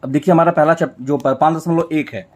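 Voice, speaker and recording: Here the same kind of shorthand lesson comes from a man whose voice sits on the high side with fairly even intonation. He works through the whiteboard slowly, going over every stroke again and answering questions he puts to himself.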